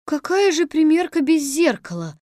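A woman's voice: high-pitched, big pitch swings, moderate pace, darkish tone, no echo, studio quality. A woman voicing a tiny, timid young girl in an audio fairy tale, speaking plaintively. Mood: coaxing. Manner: plaintive, tearful.

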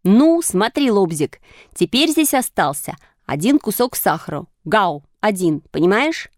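An excitable, bossy schoolboy, as a woman puts him on in a storybook reading, his raised boyish voice jumping about lively. The sound is dry and close. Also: medium pitch, measured pace, no room sound. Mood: eager.

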